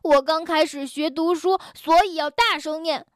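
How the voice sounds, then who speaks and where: A woman's voice: high-pitched, steady tone, normal speed, dry recording, studio quality, lightly acted. Woman playing a huffy little frog boy. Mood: upset. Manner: huffy, sulky tone. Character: young male frog, stubborn but tender-hearted.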